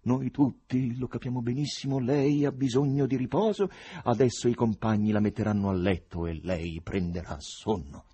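A man voicing a plump, courteous male official who talks as if making a speech, with a husky voice. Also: medium pitch, fairly even intonation, moderate pace, warm tone, pitched above the performer's own voice, lightly acted. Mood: soothing. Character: plump, smooth-talking male official, soothing.

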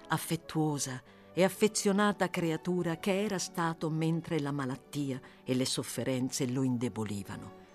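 A woman reading a novel aloud, measured and expressive, with slow pauses. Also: sits low. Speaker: audiobook reader. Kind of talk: scripted literary narration.

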